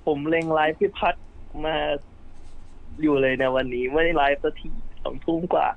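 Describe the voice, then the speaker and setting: A man calling in to a podcast, explaining his question in a hesitant, halting way. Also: on the high side, fairly even intonation, creaky. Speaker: caller, young broker. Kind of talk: casual chat. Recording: tinny phone-like line.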